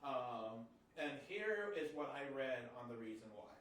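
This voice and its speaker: A man's voice: medium pitch, sing-song, measured pace, a bit bright, slight background noise. A man hosting a casual podcast chat, blunt, opinionated and profane. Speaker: podcast host. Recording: echoey room, mic at a distance.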